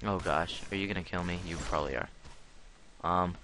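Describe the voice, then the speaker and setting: A man's voice: low voice, fairly even intonation, a little fast, noisy background. A teenage boy casually commenting on his gameplay, playful and taunting, with music under his voice. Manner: playful, taunting, trash-talks game enemies.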